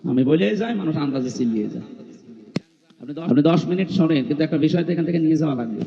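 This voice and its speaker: Chiding male preacher, echoing over loudspeakers. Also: on the high side, lively intonation, fast talker, vocal fry. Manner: chiding, humorous, emphatic. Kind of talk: Islamic sermon at an outdoor gathering. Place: large open-air evening gathering. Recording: muffled hall echo from PA.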